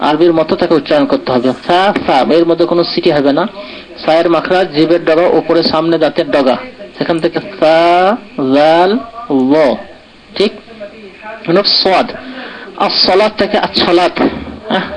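A man teaching Arabic letter pronunciation in a classroom lesson, sounding out each letter slowly and often checking in with "right?". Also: fairly high pitch, rough recording. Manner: explains patiently, checks understanding with repeated "right?". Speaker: Quran recitation teacher.

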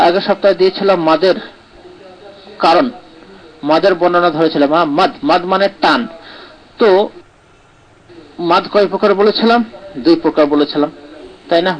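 A man's voice: high-pitched, moderate pace, long pauses, rough recording. A man teaching Quran pronunciation in a live lesson, explaining step by step and often checking in with "right?". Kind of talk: live online lesson answering comments.

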